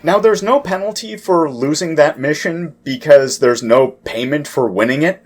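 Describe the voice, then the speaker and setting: A man's voice: a little high, moderate pace. A man giving explanatory gameplay commentary, putting emphasis on key words as he plays. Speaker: game player and commentator.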